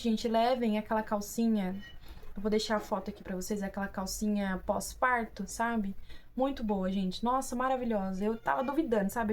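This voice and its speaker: A young woman with a Brazilian Portuguese accent, casually telling viewers her own story, chatty and full of fillers and restarts. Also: medium pitch. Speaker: vlogger.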